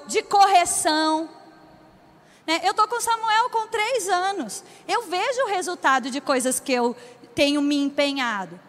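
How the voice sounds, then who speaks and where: A Brazilian woman with a very high, light voice, preaching with warmth and emphasis. She keeps drawing her listeners in with call-and-response. Her words ring out in a long hall reverb. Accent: Brazilian Portuguese. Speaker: preacher at a women's gathering. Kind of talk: sermon.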